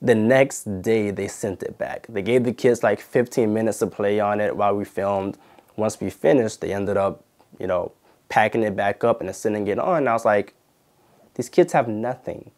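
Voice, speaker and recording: Lower-voiced young man venting casually. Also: fairly even intonation, moderate pace, a little mellow. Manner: indignant, heavy with fillers like "you know" and "like". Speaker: channel host and former videographer. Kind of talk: casual storytime monologue.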